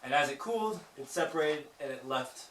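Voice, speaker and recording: A man's voice: on the high side, lively intonation, fairly quick, fairly bright tone. A man guiding a tour inside a cave, explaining things informally and putting questions to the group as his voice echoes. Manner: echoing cave guide, informal teacherly explaining; jokey asides. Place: inside a lava tube cave. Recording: echoey cave, distant mic, faint noise.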